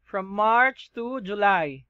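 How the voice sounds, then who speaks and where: A man's voice: high voice, lively intonation, no echo, muffled recording. A man with a Filipino accent teaching a shorthand lesson, spelling things out letter by letter and checking in with the class. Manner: slow, spells letters one by one, checks in with "okay?".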